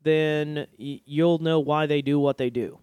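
A man's voice: on the high side, fairly even intonation, a little slow, a little mellow, clean tone, no echo. A man in his thirties hosting a casual faith podcast from a basement studio, laughing often and explaining at length. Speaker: podcast host.

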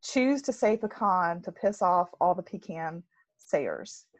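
A woman from the American South co-hosting a podcast in casual chat, animated and quick with laughing asides. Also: medium pitch. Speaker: podcast co-host.

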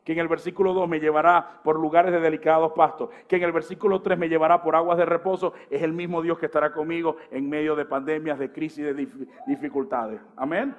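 A man in his forties, a pastor preaching a lively sermon full of rhetorical questions. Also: fairly high pitch, fairly quick, few pauses, dull audio.

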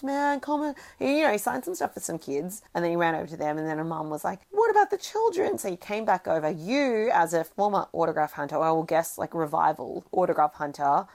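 A woman co-hosting a casual podcast, chatty and quick to interject, with some swearing. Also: sits low, creaky, darkish tone. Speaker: podcast co-host. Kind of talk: casual chat.

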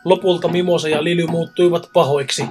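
Higher-voiced man, joking podcast co-host. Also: fairly even intonation, a little mellow, slightly rough, soft background music. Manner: joking, swears casually. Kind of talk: casual chat and story reading.

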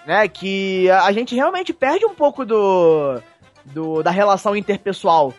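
A man's voice: sits high, lively intonation, measured pace, highs cut off, soft background music. A man co-hosting a casual podcast chat, rambling with frequent stammered restarts. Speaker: podcast co-host.

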